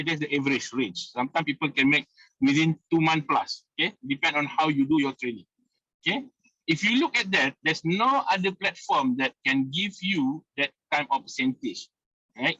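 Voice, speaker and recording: A man speaks on a car speakerphone while driving, his voice fairly high and sharp-edged. The call audio is muffled and lo-fi but dry, with no room echo. He pitches persuasively, hammering his points home with a steady stream of "okay.". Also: breathy edge. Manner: persuasive, keeps repeating "okay" and key points. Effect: speakerphone call from a moving car. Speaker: investment group leader. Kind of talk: sales pitch on a video call. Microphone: phone or car speakerphone on a video call.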